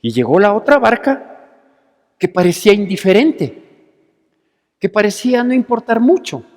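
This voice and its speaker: Animated high-voiced male pastor preaching. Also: moderate pace. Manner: animated, rhetorical questions, acts out dialogue. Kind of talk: sermon. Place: church hall. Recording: long church hall reverb.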